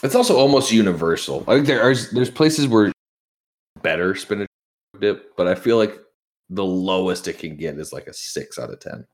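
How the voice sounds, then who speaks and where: Playful man with a lively voice. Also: low-pitched, moderate pace. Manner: laughing, playful questioning. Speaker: podcast co-host. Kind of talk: casual chat.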